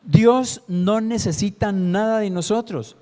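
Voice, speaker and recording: A man's voice: sits high, slow, mellow. A man, preaching a Sunday sermon as a lay preacher and putting rhetorical questions to the congregation.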